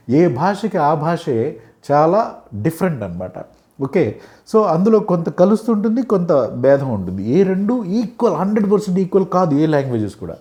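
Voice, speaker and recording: A man's voice: on the high side, dark tone. A middle-aged man, teaching an English lesson in a classroom style, explaining with examples and often checking that listeners follow.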